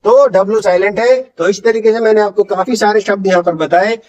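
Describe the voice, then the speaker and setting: A man with an Indian accent teaching English pronunciation in Hindi, patiently explaining and slowly drawing out model words for learners to repeat. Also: high voice, a little mellow, dull audio. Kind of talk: Hindi-language pronunciation lesson.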